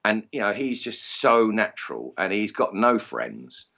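A man's voice: fairly low pitch, sing-song, measured pace, gravelly, bright, forceful tone, lo-fi sound. A man with an Essex accent chatting casually as an interview guest, self-deprecating and jokey. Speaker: interview guest, target shooting instructor. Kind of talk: casual chat.

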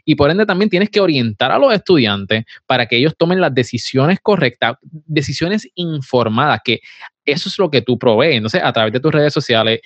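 A man's voice: mid-range voice, no echo. Man hosting a podcast. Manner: affirming, asks questions, fillers. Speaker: podcast host. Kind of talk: conversational podcast interview. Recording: dry, slightly dull podcast audio.

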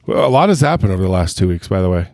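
A man's voice: low-pitched, sing-song, very fast, a little mellow, no room sound, studio quality. A man co-hosting a podcast in casual chat, joking and a little self-conscious as he rambles. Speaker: podcast co-host.

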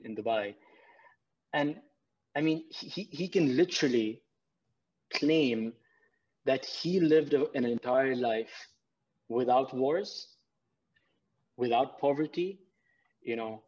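A man from Pakistan appears as a guest on a podcast, speaking earnestly in a casual conversation and often repeating words while gathering his thoughts. His voice is mid-range and a little mellow, and the recording sounds muffled.

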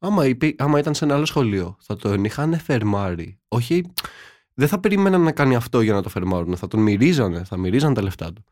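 A man's voice: medium pitch, lively intonation, a little mellow, no room sound, clean studio sound. A young man co-hosting a podcast, chatting casually and telling ironic, slang-filled stories. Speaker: podcast co-host. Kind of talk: casual chat.

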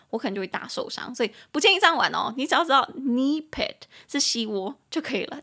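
A young woman hosting a casual language lesson podcast, chatting freely and slowing down to say example sentences carefully. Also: on the high side, a bit bright. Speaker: English teacher podcast host.

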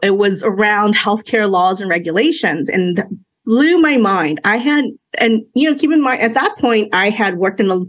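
A woman in her thirties from China, whose first language is Cantonese, reflects on her path as a guest in a conversational podcast interview. Her mid-range, animated voice pauses often, restarting and circling her thoughts with "um" and "you know." The sound is slightly dull and lo-fi.

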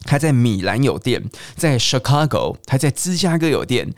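Brief: middle-aged man from Taiwan, chatty English teacher, animated delivery, dry close sound. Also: medium pitch, moderate pace, creaky, dry recording. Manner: lively, chatty, mixes English words into Mandarin. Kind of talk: casual teaching monologue.

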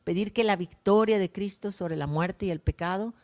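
A woman gives a slow, prayerful gospel reflection as a worship leader, often softening to a hush at the ends of lines. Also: medium pitch.

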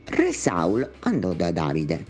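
A man's voice: takes it slowly, soft background music. A man narrating a comic sketch in a playful, mock-solemn manner. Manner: lively, playful, shifting pitch.

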